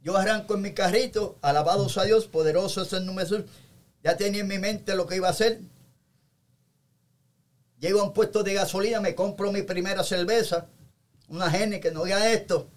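A man's voice: high voice, brisk, long pauses. A man, an evangelist guest, giving a fervent testimony in a podcast interview and constantly breaking in with short praise phrases.

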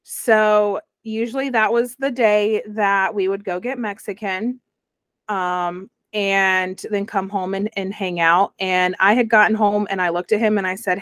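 A young woman, a guest on a casual interview, shares a personal story with animated energy, acting out the voices of the people she quotes. Her voice sits in the mid-range, and the recording has no echo.

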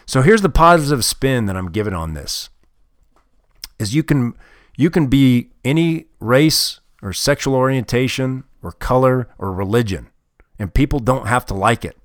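A man's voice: medium pitch, animated, moderate pace, dry recording, clean studio sound. A man giving a motivational talk, blunt and heavily profane, hammering home his points with emphasis. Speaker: motivational speaker.

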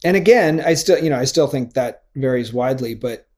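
A middle-aged man in casual chat about music, animated and rambling, swearing freely and trailing off into fillers. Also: medium pitch, brisk.

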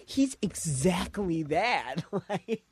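Animated, laughing man in casual chat. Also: high voice, very slow, slight background noise. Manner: animated storyteller, laughs often.

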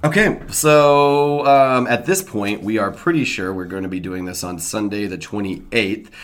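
A man's voice: lowish voice, a little slow, a bit bright. A man hosts a podcast in a casual, upbeat way. A head cold leaves him stuffed up and a bit nasal. He slips into playful announcer flair when recapping scenes. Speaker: podcast host. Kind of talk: casual chat.

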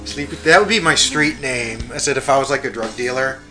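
A man's voice: mid-range voice, a little fast, over music. Young male co-host, loose and jokey, mid voice, rambling storyteller. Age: young adult. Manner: rambling, jokey, swears, mimics people in quotes. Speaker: podcast co-host. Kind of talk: casual comedic chat.

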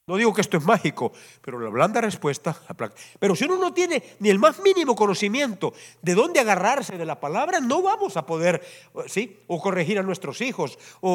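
A pastor preaching a sermon to his congregation in church, animated and often asking them to agree. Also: high-pitched. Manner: animated preaching, constantly asks the congregation "¿verdad?". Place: church service before a congregation.

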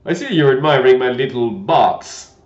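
A man voicing a gentle, fussy old knight who talks loudly and fretfully. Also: a little high, big pitch swings, takes it slowly, pitched above the performer's own voice. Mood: fussy eager. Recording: dull lo-fi roomy recording.

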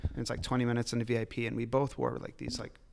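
This guest, a man who runs a liquor store, speaks fast in a gravelly, mid-range voice with a level tone. In the relaxed podcast chat he spins meandering stories, frequently laughing and cursing.

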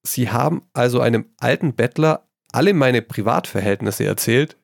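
A man reading an earnest, flustered young gentleman. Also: mid-range voice, animated, moderate pace, vocal fry, no echo, studio quality. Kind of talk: storybook reading.

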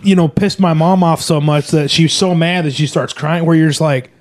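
A man's voice: fairly high pitch, fairly even intonation, normal speed. A man in casual conversation, rambling and filling his talk with "you know". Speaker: podcast co-host. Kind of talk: casual movie discussion.

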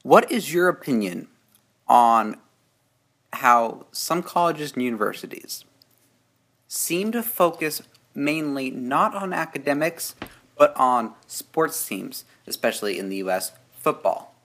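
Young male co-host, casual chat, very animated pitch, dry asides. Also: unhurried. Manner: expressive, drifting between dry mumbles and bright exclamations. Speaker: podcast co-host.

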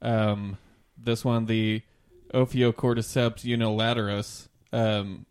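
A man in a casual podcast chat, reading facts aloud in a measured way with some stumbles. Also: lowish voice, flat delivery, a little mellow, smooth. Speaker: podcast co-host.

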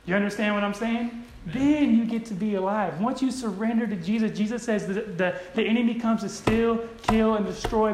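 A male pastor preaching a sermon. He keeps checking in with the congregation and swings from quiet asides to loud, shouted calls. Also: sits high, noisy background. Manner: checks in with the congregation, asking "right?". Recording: echoey room.

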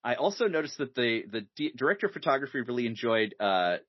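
Guy hosting a podcast, lively up-and-down voice, lots of uhs, dull dry lo-fi sound. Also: medium pitch, quick pace, no echo. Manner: animated, hesitant with many fillers, laughs easily. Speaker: podcast host. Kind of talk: casual podcast chat.

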